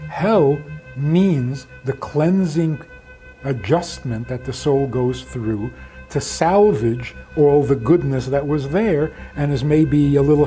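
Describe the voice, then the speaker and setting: A man speaks in a measured, reflective way about the soul. His voice is warm and mellow. Faint music sits behind him. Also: medium pitch. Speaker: lecturer in a played clip. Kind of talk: reflective spiritual talk.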